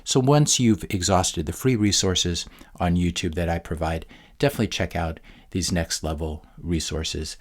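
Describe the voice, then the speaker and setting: Deep husky man explaining steadily. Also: moderate pace. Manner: steady, explanatory, with occasional fillers. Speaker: channel host and teacher. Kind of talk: educational monologue.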